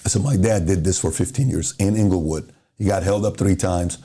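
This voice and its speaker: A man's voice: low-pitched, brisk. A middle-aged man from Iran telling motivational stories as a podcast guest, acting out the dialogue as he goes. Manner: animated, acts out dialogue in stories. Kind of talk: motivational storytelling.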